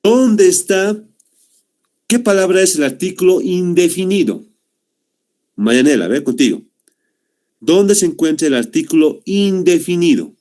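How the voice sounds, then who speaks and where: A young man with a high-pitched, sing-song voice of dark tone teaches an online class by video call, unhurried and pausing often. He explains patiently, following each point with "¿no?" and repeating "muy bien."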